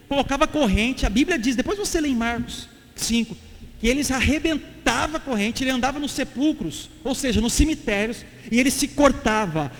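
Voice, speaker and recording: A Brazilian man preaching a passionate, emphatic sermon in a church, talking to the congregation in a casual way. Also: extremely high pitch. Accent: Brazilian Portuguese. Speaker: pastor. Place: church hall. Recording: reverberant church hall with faint music.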